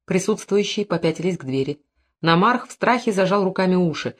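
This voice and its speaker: A woman narrating an audiobook in an even, expressive reading style. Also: fairly low pitch, fairly quick.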